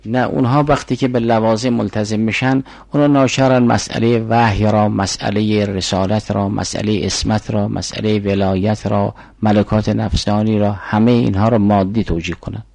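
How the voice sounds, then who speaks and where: A man's voice: on the low side, steady tone, creaky, darkish tone, no echo, poor audio. An older man giving a formal philosophy lecture, explaining arguments step by step and reciting Arabic syllogisms.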